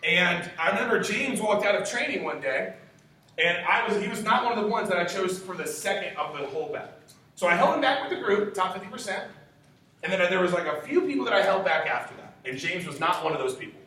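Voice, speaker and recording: A man's voice: high voice, animated, fairly quick, pushed and bright. A man in his twenties gives a sales training talk to a group, emphatic and punchy, firing off rhetorical questions and swearing casually. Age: 20s. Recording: very echoey room, distant mic, faint hiss.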